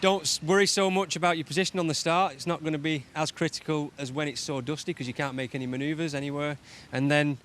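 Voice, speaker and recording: A man, a veteran rider guest, giving measured, practical advice on a talk show. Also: on the high side, fairly even intonation, a bit bright, a little hiss or hum.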